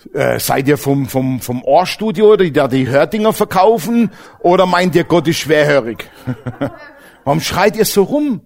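Male preacher, humorous lively sermon style, expressive pitch, slightly high voice. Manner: animated, jokes with the congregation, swings from loud to hushed.

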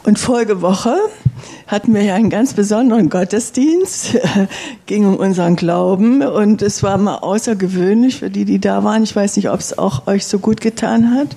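A woman's voice: mid-range voice, normal speed, warm tone, slightly rough. A woman giving a plain, earnest personal testimony during a church service.

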